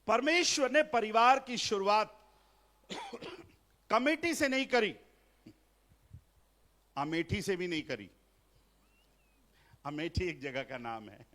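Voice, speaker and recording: A middle-aged man, slightly high-voiced with a fairly bright tone, gives a Hindi sermon as pastor at a family seminar held in a church hall. He mixes English phrases into his preaching and jokes with the congregation.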